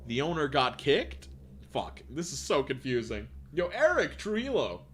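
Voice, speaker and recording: A man's voice: fairly high pitch, wildly swooping pitch, unhurried, a bit bright, a little hiss or hum. Casually swearing male streamer. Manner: casual and profane, laughs and reacts between lines. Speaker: streamer reading stories aloud. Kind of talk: live-stream story reading and chat.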